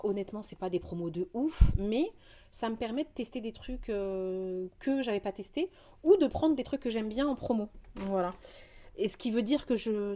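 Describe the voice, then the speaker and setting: A young French woman, chatting casually through a grocery haul vlog, rambling and quick to get indignant. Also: mid-range voice, mellow. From France. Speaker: vlogger.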